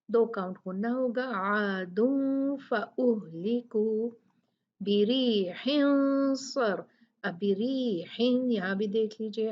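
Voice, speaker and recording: A woman teaching recitation rules in a patient way. She repeats words slowly and explains each rule with examples. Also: medium pitch, lo-fi sound, a little hiss or hum. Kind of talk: tajweed lesson with recited examples.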